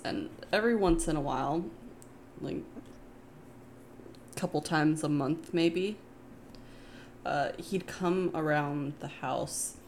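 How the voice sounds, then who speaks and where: Low-voiced woman telling a wry story. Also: slight background noise. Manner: relaxed and wry, quick asides, laughs often. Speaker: podcast co-host. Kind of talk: casual chat, personal storytelling.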